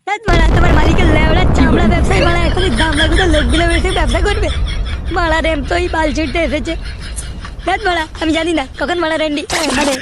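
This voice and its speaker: A woman voicing a hot-tempered, foul-mouthed young man in a cartoon comedy, crude, loud and mocking. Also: very high voice, fairly even intonation, rapid-fire, heavy background noise.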